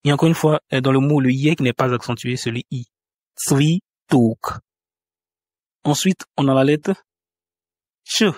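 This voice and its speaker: A man teaching a pronunciation lesson at a mid-range pitch, with a patient and unhurried delivery. He says each example word more than once, slowly, and often stops to search for a word. The sound is close and dry, with no room around it. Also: fairly even intonation, darkish tone, dry recording. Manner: patient, repeats example words slowly, frequent hesitations. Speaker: language teacher. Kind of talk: spoken lesson explaining pronunciation.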